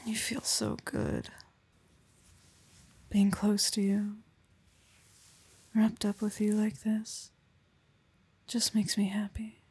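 A woman playing an affectionate young wife and mother, speaking softly and intimately, often in a whisper, in an ASMR roleplay close to the mic. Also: mid-range voice, completely flat delivery, slow, pauses often, heavily acted. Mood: tender. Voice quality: breathy. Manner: soft, intimate, often whispered, with small laughs. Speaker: roleplay performer. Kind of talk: soft-spoken ASMR roleplay.

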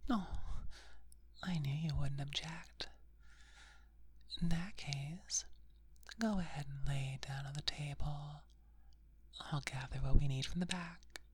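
Woman whispering softly, very slow. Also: sits low, no echo. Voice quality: soft breathy whisper. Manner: slow, soothing, attentive. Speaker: ASMR performer. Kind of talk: whispered ASMR roleplay. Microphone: close sensitive microphone.

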